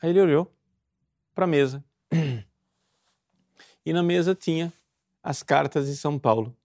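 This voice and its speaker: A man with a Brazilian Portuguese accent preaching fervently, pressing his listeners with rhetorical questions and reading quoted passages slowly and solemnly. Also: a little high, darkish tone, no echo, studio quality. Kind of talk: sermon explaining a spiritual classic.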